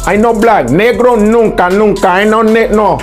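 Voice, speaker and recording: A comedian playing an insistent Dominican man who denies his blackness, in a high, emphatic voice. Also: moderate pace, faint music behind, natural voice. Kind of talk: stand-up comedy bit.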